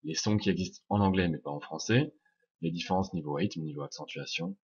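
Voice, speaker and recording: Young male French native, low husky voice, patient step-by-step pronunciation teacher, dull lo-fi recording. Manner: explains step by step, repeats sounds slowly. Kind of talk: video lesson answering viewer questions. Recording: dull lo-fi sound.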